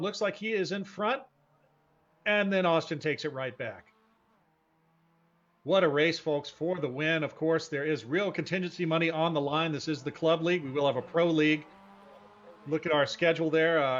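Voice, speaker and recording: A man's voice: a little high, fairly quick. A man hosting a live sim racing broadcast and commentating in an informal, folksy, enthusiastic way. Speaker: race broadcast host and commentator. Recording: dull lo-fi broadcast audio.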